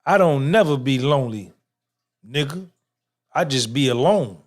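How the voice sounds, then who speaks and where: A man's voice: medium pitch, lively intonation, unhurried. A middle-aged man hosting a podcast, giving an emphatic, swaggering motivational monologue full of repetition and cursing. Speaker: podcast host.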